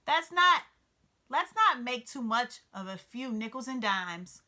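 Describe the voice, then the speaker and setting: A woman's voice: a little high, very animated, unhurried, sharp tone, voice pushed up, exaggerated voice. A woman voicing a fussy, sentimental male mouse who talks in a whiny, pitiful, dramatic way, reading a storybook aloud. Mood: pleading. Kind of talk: storybook read-aloud character voice.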